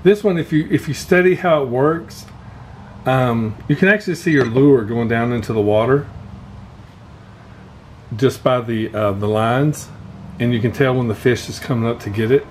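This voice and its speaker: In an indoor garage workshop, a male vlogger gives a casual, unscripted hands-on walkthrough of his fishing gear, often pausing mid-phrase. His voice is mid-range, and the recording has steady background noise and room ambience.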